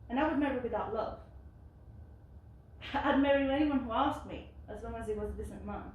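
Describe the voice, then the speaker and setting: A woman acting a gentle elder sister on stage, softly consoling and coaxing with light laughs. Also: fairly high pitch, fairly quick, narrow, tinny audio, lightly acted. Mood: tender. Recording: distant, echoey stage with faint noise.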